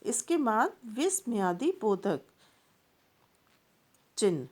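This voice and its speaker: A woman teacher giving a patient classroom explanation, pausing often and repeating points with plain examples. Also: fairly high pitch, sing-song, darkish tone, breathy edge.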